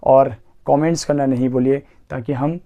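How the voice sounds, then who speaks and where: A man's voice: mid-range voice, steady tone, moderate pace, narrow, tinny audio. A man teaching a chemistry exam-prep lesson, asking himself questions and counting carbons aloud step by step. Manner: asks rhetorical questions and answers them himself.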